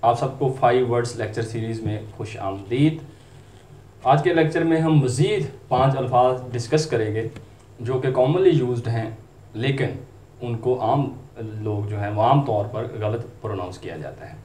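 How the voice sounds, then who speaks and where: A man's voice: medium pitch, a little mellow. Man teaching pronunciation, echoey room. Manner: slow, drawn-out model words, repeated. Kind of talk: video lesson. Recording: echoey room, distant mic, faint noise.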